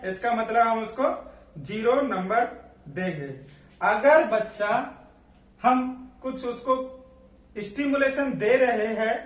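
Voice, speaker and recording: A man teaching a nursing class as a lecture, asking questions and then answering them himself. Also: very high voice. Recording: echoey room, voice from a distance.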